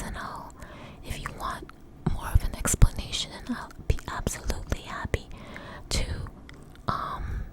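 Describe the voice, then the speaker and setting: A woman whispering very close to the mic in an ASMR style, breathy with soft mouth sounds, rambling gently and reassuringly. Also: rough recording. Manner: slow, unstructured, reassuring. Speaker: ASMR video host.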